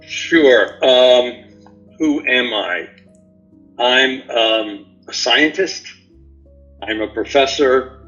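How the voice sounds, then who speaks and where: Older man in his seventies, unhurried rambling talk, muffled lo-fi sound, faint music behind. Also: mid-range voice, a bit bright. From New York City. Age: 70s. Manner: unhurried, rambling, with many fillers and restarts. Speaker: guest. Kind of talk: casual interview answers. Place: remote call from a beach house.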